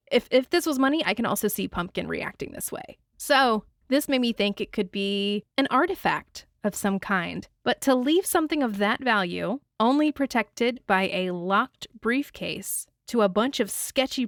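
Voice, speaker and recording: A woman hosting her own podcast, reviewing a movie in casual, animated talk with frequent swearing and laughter. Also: mid-range voice, no echo, clean studio sound. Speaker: podcast host.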